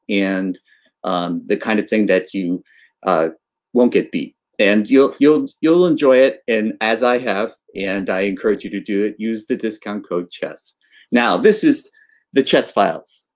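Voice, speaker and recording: A man in his sixties hosting a casual video-call interview, talking haltingly with many fillers and restarts. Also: lowish voice. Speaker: interview host. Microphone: webcam on video call.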